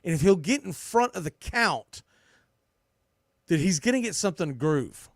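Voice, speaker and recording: In a high voice with big pitch swings and a moderate pace, a man hosting a sports podcast riffs bluntly on baseball without a script. He stresses his opinions, restarting and repeating phrases often. The clean studio recording has no room sound.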